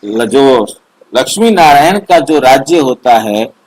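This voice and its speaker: A middle-aged man slowly explaining a spiritual text line by line as study leader, repeating and restating his points in an online meeting. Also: medium pitch, animated, a little mellow, low-quality recording. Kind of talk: slow line-by-line scripture explanation. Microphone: online video meeting.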